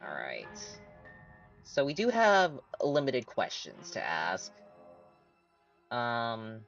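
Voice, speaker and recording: Lively, muffled game commentator. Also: medium pitch, extremely slow, creaky, soft background music. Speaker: game streamer. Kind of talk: casual gameplay commentary.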